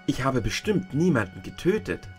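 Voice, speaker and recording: A man reading a storybook aloud and voicing a polite, wondering young girl, higher and softer than his own voice. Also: sing-song, moderate pace, faint music behind, close to an everyday voice.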